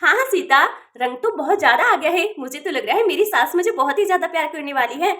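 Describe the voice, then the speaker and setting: A tearful, affectionate young bride from a village doll drama, voiced by a woman. She talks in an emotional, pleading way, in a very high, bright voice. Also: expressive, fast.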